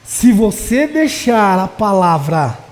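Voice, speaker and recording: A male pastor preaching a sermon with passion, swinging between loud declarations and soft, low asides. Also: very animated, takes it slowly, long reverb tail. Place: church.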